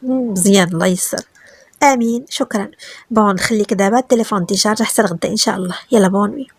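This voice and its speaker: A woman with a Moroccan accent reading a romance story aloud, moving briskly through narration and the chat lines between the characters. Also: medium pitch, breathy edge, dry recording, studio quality. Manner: brisk, steady narration with quoted chat lines read in turn.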